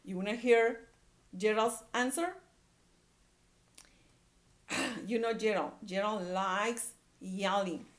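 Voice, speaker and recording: A woman with a medium-pitched voice reads aloud slowly to young children, leaving long pauses. She's a teacher giving an animated read-aloud lesson, using simple words, repetition and questions.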